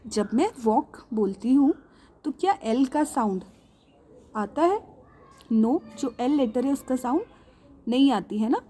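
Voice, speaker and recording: A woman with an Indian English accent teaching a children's English lesson, patiently asking and answering her own questions and repeating words slowly. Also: sits high, animated, mellow. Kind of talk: explaining a primary English lesson.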